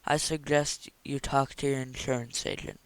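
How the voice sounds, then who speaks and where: A man reading aloud voices a bored male police desk officer speaking flatly. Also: medium pitch, moderate pace, clear, resonant tone, dry recording, lightly acted, rough recording. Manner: flat, bored.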